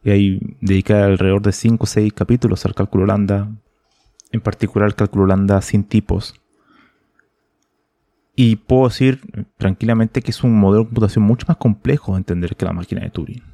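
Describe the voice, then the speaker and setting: A man's voice: on the low side, moderate pace, vocal fry, dark tone, no echo, clean studio sound. A man who authored a programming book, thoughtfully explaining technical ideas in a conversational way and often checking in with a questioning tag.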